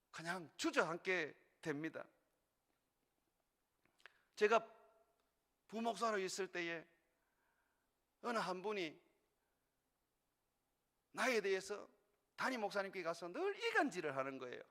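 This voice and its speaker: A middle-aged male pastor preaching a sermon in earnest, rising to urgent peaks and dropping to quiet, intimate passages. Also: high voice, gravelly. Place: church sanctuary. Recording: long reverb of a large church hall.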